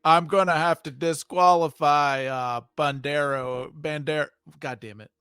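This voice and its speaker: A man explains his moves in a hurried, stumbling way. The sound is dry and close, with faint music behind him and a slightly raised voice. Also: fairly high pitch, fairly even intonation, bright, forceful tone, clear, resonant tone, no room sound. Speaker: player. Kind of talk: casual tabletop play.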